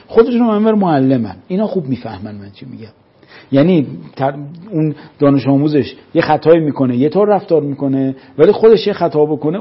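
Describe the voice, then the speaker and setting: Husky man giving a lively lecture. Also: on the high side, muffled recording. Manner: animated, rhetorical questions, acts out scolding parents. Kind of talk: religious-minded lecture to a class.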